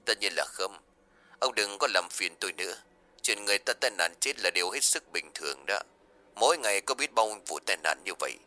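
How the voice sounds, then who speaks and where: A man voicing a cold, irritable sorcerer who answers in a curt, low, dismissive way. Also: lively intonation, a little fast, sharp tone.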